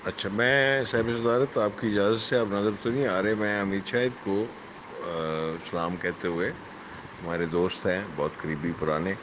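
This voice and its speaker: A man with a fairly low voice talks through a poem's wording in a patient, courteous, explanatory way. The sound is muffled, as on an online call, and there is clear background noise with traffic passing. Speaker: literary critic at an online poetry meeting. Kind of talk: spoken critique of a poem. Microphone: online call audio.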